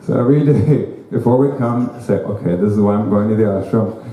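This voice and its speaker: A man's voice: fairly low pitch, a little fast, warm tone, echoey room, rough recording. Joking man giving an ashram talk. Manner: conversational, joking, tells anecdotes with acted quotes. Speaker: spiritual speaker at an ashram. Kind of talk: informal spiritual talk. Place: ashram hall.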